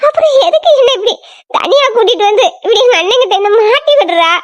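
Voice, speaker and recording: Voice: extremely high pitch, animated, fast, dull audio. A performer voicing a timid, frightened young woman in an audio drama, who pleads in a tearful, anxious manner. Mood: tearful fear. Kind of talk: amateur audio drama acting.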